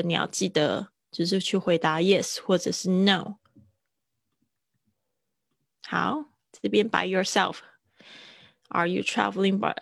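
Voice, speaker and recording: A woman's voice: medium pitch, creaky, no echo, studio quality. A woman English teacher, giving a live-streamed lesson in a chatty, patient way with frequent laughter.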